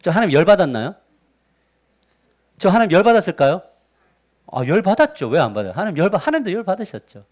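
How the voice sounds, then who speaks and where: A man's voice: high-pitched, fast talker, pauses often. Pastor guy giving a sermon, voice jumps all over the place, keeps asking the crowd stuff. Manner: animated, asks the congregation rhetorical questions. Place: church sanctuary.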